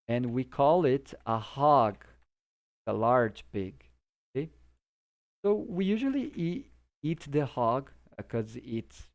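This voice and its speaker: A Brazilian English teacher with a mid-range voice, a native Portuguese speaker, gives an informal English vocabulary lesson. He uses simple explanations and checks often that the listener is following.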